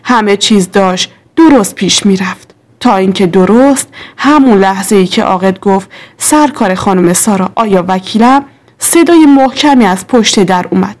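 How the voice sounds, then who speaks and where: A woman telling a dramatic first-person story as scripted narration in a measured way. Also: medium pitch, lively intonation, a little mellow.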